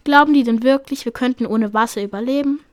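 A grumpy male warrior cat who mocks the young ones, read out by a woman from a storybook. The voice stays fairly high and dry, close to the mic. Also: quick pace, dry recording, lightly acted. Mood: scornful.

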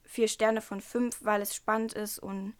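A woman's voice: mid-range voice, level tone, a little slow, clean tone, dry recording. A woman presenting a book and reading a passage from it aloud, in an earnest, careful way with small stumbles.

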